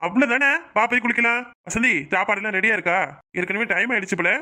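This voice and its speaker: A man voicing a doting, easygoing young father in a cartoon, gentle and indulgent. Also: high-pitched, fast. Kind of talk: cartoon voice acting.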